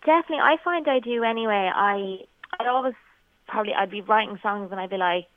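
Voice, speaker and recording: A woman's voice: medium pitch, quick pace, clear, resonant tone, no echo. A young woman with a west of Ireland Kerry accent, chatting casually as a singer-songwriter being interviewed. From County Kerry, Ireland. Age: young adult. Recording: thin phone-like radio call sound.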